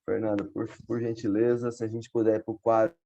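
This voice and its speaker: Male workshop teacher, patient step-by-step explainer, mellow tone on a dull lo-fi line. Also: fairly low pitch, level tone, a little fast. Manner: patient, explains step by step with frequent check-ins. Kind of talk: online class explanation.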